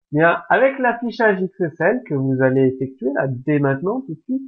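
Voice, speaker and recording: A man hosting a programming lesson, explaining casually with fillers and restarts. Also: high voice. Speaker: programming tutorial host. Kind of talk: screen-recorded coding lesson. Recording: tinny phone-like sound.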